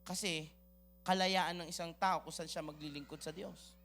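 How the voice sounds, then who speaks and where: A preacher playing a gentle, patient pastor. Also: medium pitch, steady tone, moderate pace, faint music behind, voice pushed down, lightly acted.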